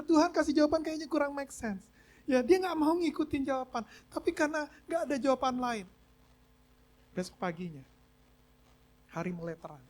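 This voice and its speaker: A man preaching a sermon as pastor, telling a story and mixing English phrases into his talk. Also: very high voice. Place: church service.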